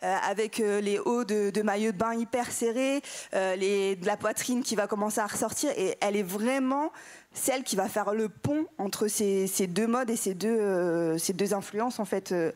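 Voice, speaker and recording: A woman speaking on a conference panel, explaining at length with frequent pauses and hesitations. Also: medium pitch, darkish tone. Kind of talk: conference talk. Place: conference room with audience.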